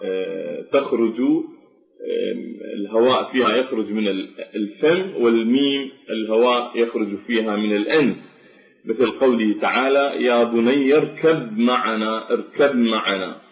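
A man teaching a Quran recitation lesson, explaining the rules methodically and slowing down to recite verse examples. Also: lowish voice, gravelly. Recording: echoey room, dull lo-fi sound.

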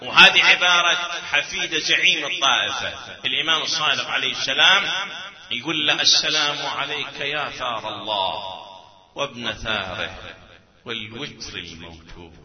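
A man's voice: mid-range voice, normal speed. A man preaching a mournful sermon, moving between speech and chanted lament. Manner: shifts from speaking into mournful chanting. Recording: dull sound with long hall reverb.

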